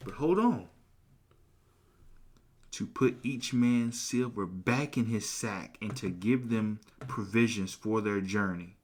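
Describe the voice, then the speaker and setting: A man hosting a podcast, retelling a Bible story in a casual, slangy, animated way. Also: fairly low pitch, takes it slowly, a little hiss or hum. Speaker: podcast host.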